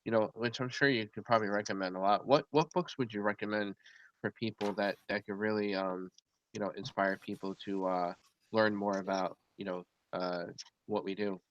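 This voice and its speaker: Host over a choppy call: volume keeps jumping, low dull lo-fi voice, rambly. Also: male voice, fairly even intonation, moderate pace, a bit bright, no room sound. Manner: rambling, full of fillers. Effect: uneven volume from a choppy call connection. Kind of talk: casual online show chat. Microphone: video call.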